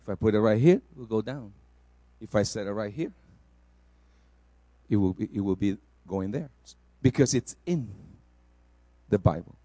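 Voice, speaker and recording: A man from El Salvador preaching a sermon, rising to loud exclamations and dropping soft for personal testimony. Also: lowish voice, lively intonation, normal speed, pauses often, no echo.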